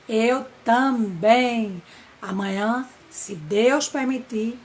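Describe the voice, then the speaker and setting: Slow, caring Brazilian woman teacher. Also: fairly high pitch, slight background noise. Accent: Brazilian Portuguese. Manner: slow, caring advice to children.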